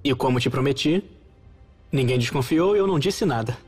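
An actor dubbing a devoted, anxious young son who talks earnestly. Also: male voice, mid-range voice, animated, a little mellow, slightly rough, soft background music. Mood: tender. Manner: earnest, quick-talking. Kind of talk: dubbed telenovela acting.

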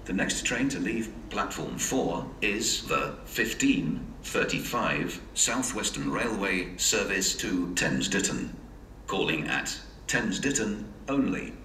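Man announcing over a station loudspeaker, slow measured delivery, lowish voice, echoey and distant, noisy platform around. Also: lively intonation. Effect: station public address loudspeaker. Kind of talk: recorded train announcements.

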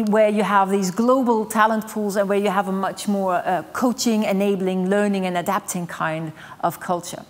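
A middle-aged woman delivering a conference keynote on a studio stage, explaining with energy and the odd "um". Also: medium pitch. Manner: energetic, gesturing, explanatory with light fillers. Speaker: keynote speaker. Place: stage in a dark studio with large screens.

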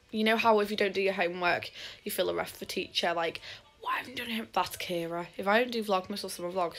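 A woman's voice: medium pitch, a bit bright. Chatty young woman vlogging at home. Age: young adult. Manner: chatty, rambling, self-deprecating. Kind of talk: casual vlog chat. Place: at home, then outdoors.

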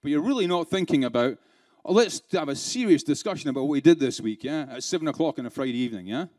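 A man's voice: on the high side, expressive, fast talker, darkish tone. A man giving a keynote talk to a live conference audience, peppering them with rhetorical questions and playful asides. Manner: laughs between points, playful. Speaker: keynote speaker.

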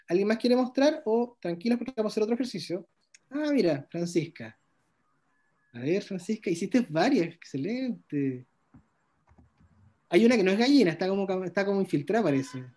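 A man leads an online illustration workshop and reviews his students' drawings one by one. He praises them eagerly and warmly, often stopping and restarting mid-sentence. His voice comes through a video-call microphone. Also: high voice. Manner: warm, enthusiastic praise with many restarts.

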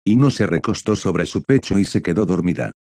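A man narrating a fan fiction story in an even, matter-of-fact reading. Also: low voice, a little fast, dry recording, studio quality.

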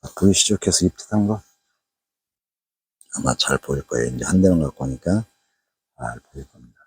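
A man's voice: extremely low pitch, lively intonation, fairly quick, slightly rough, dry recording. A middle-aged man with a Jeolla Korean accent talks through a fishing vlog outdoors by a waterway at night, rambling and chatty with many fillers. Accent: Jeolla Korean dialect. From Jeolla province, Korea. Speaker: fishing YouTuber. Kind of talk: casual fishing vlog narration.

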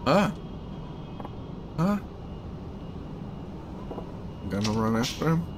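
A man's voice: medium pitch, very animated, takes it slowly, background noise. A man commentating over his own gameplay, swearing freely and exclaiming at the game. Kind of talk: let's play commentary.

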